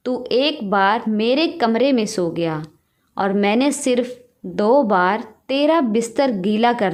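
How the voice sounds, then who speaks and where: A woman voicing a calm, patient elderly mother in a storybook tale, soft-spoken. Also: a little high. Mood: reproachful.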